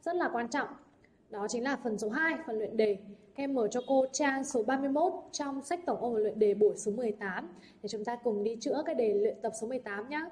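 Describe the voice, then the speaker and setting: Brisk and a little high, with a darkish tone, a young woman teacher goes over the answers to an English exam, regularly checking in with her class through rhetorical questions.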